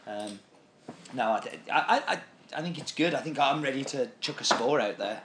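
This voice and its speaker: A man co-hosting a casual beer review chat, animated and enthusiastic, often restarting his sentences. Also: mid-range voice, normal speed, noisy background. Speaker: beer podcast co-host. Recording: echoey room with faint ambience.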